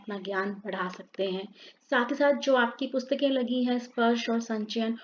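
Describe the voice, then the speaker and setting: A woman teacher giving a grammar lesson to students, reading word lists aloud slowly and deliberately. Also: a little high, a little hiss or hum. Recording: dull lo-fi sound.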